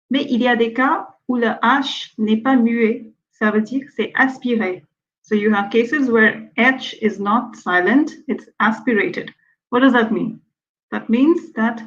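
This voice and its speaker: A woman with an Indian accent teaching French pronunciation in an online lesson, switching between French and English and repeating example words slowly and clearly. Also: on the high side. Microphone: online webinar audio. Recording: dull lo-fi webinar audio.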